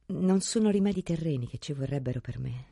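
Male reader doing a melancholy young woman for an audiobook, soft and sighing, pitched well up from his own low voice. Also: lively intonation, brisk, vocal fry, slightly rough, no echo, full character voice. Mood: weary. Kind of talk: audiobook reading.

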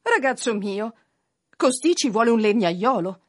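A man voicing a calm, unhurried female snail with a drawn-out, leisurely delivery in a storybook reading. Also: extremely high pitch, no room sound, studio quality, voice pushed up, exaggerated voice.

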